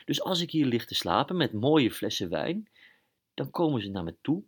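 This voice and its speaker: A man's voice: medium pitch, sing-song, normal speed, husky. A man playing a nervous male lookout guard in a children's story, stammering and hesitant. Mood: earnest.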